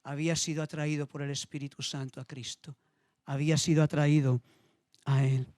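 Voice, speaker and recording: A man's voice: fairly high pitch, level tone, moderate pace, a little mellow, dry recording, clean studio sound. A middle-aged man preaching a sermon, telling a personal story with feeling and repeating his phrases. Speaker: pastor.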